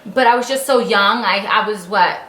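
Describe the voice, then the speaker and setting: A woman's voice: medium pitch, moderate pace, fairly bright tone. A woman in her late thirties chatting casually as a vlogger, rambling with lots of fillers and restarts. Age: 30s. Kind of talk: casual story-time chat. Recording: roomy echo.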